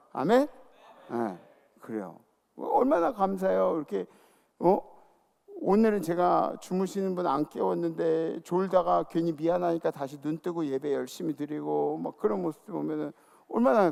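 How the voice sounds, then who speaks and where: A middle-aged man preaching a sermon as senior pastor, calling out to the congregation and dropping into soft asides. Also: normal speed, creaky. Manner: lively preaching, calls for audience response; drops to soft, low asides. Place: church sanctuary.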